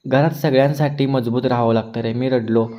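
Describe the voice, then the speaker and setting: A man's voice: mid-range voice, fairly even intonation, fairly quick, dark tone, close to an everyday voice. A man voicing a weary, grieving father. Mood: quiet. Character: quiet, weary middle-aged father hiding his grief.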